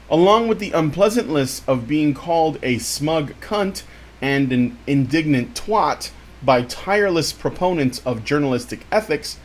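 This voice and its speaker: A man with a voice on the high side reads an article aloud in a dramatic storytime style, giving it theatrical, exaggerated emphasis.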